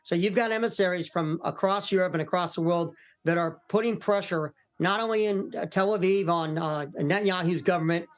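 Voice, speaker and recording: A middle-aged American man giving calm, explanatory analysis as an expert guest in a news interview, often repeating words haltingly. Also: high-pitched. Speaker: retired military commander and hostage expert guest.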